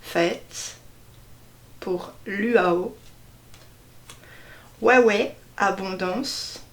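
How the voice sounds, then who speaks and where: A woman slowly presenting a deck of cards one by one, hesitating often and stressing each card name. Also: medium pitch. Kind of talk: casual card unboxing walkthrough.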